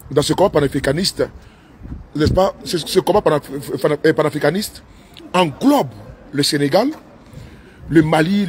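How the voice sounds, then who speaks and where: A man with a notably high voice rambles on in a loose livestream monologue, repeating himself and drifting into broken English. He is recorded on a phone inside his car while the engine runs, with a faint hum of noise behind him. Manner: repetitive, talkative, mixes in broken English. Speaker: live streamer.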